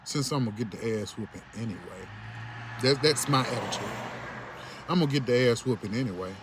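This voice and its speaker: A man's voice: mid-range voice, a little fast. A man vlogging in a blunt, profane rant, often acting out what other people say. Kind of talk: ranting monologue. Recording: vehicle noise in background.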